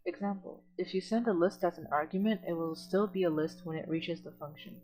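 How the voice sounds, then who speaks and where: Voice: medium pitch, brisk, darkish tone, faint music behind, poor audio. A tutor in an online coding lesson who reads documentation aloud and then explains it plainly, step by step.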